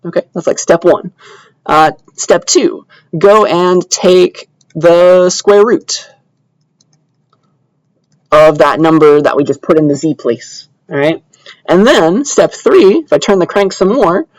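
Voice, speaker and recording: The audio is poor and has no room sound as a high-pitched man speaks slowly through an informal computer science lecture. He talks conversationally and often adds quick check-ins like "all right" and "yeah."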